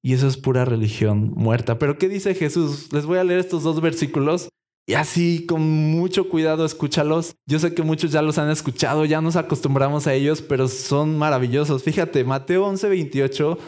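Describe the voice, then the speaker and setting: Man, preacher, sermon, fairly high-pitched, asks the congregation questions. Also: darkish tone. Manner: acts out imagined dialogue, asks the congregation questions.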